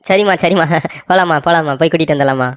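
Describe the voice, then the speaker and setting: A woman's voice: low voice, fast talker, lightly acted. A woman voicing a young husband in a comic cartoon, pleading and repeating every line twice. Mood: anxious.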